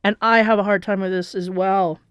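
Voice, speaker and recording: A woman in her forties speaks with a smooth, clear voice, sharing a personal story as an energy reader. She rambles in a casual, confessional way. The sound is dry and close, with no room echo. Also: medium pitch, fairly even intonation, a little fast. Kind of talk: casual spiritual monologue.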